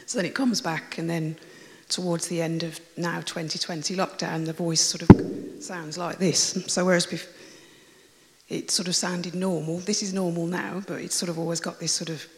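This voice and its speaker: A woman with a raspy, croaky voice that always sounds like she has a cold, chattily telling her testimony to a church congregation, rambling with fillers and restarts. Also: on the low side, little pitch movement, normal speed, darkish tone, slight background noise. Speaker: church member giving a testimony. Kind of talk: personal testimony told to a congregation. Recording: long reverb of a large hall.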